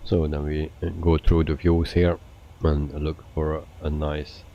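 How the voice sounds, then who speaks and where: A man hosting a flight simulator live stream, chatting casually with viewers and often pausing with hesitations. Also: rumbling low, highs cut off, a little hiss or hum. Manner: relaxed, chatty, frequent hesitations. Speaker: flight sim livestreamer.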